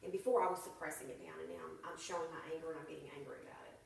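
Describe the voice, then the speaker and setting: A woman's voice: deep voice, rapid-fire, creaky. A woman playing a client in a counseling role-play, earnest and frustrated as she recounts her troubles at length. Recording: very echoey room, mic far off, faint hiss.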